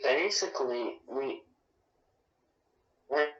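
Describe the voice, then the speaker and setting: A man's voice: medium pitch, animated, drawn-out words, a bit bright. A man calling in over a phone line that keeps breaking up and dropping out, talking in a loose, slangy way. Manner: loose, slangy, swears freely. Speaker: caller on a live stream. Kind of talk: casual chat. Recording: muffled echoey phone call.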